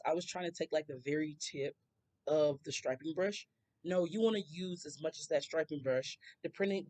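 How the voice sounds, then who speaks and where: Woman, nail tutorial host, hoarse and scratchy today; chatty, rambling voice-over. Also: low-pitched, darkish tone. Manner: chatty, rambling asides to viewers.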